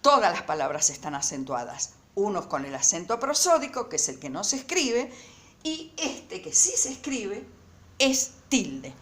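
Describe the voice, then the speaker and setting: A woman teaching a recorded lesson sounds very animated, her fairly bright voice climbing and dropping a great deal. She goes slowly and emphatically, repeating words syllable by syllable, while the room echoes around her.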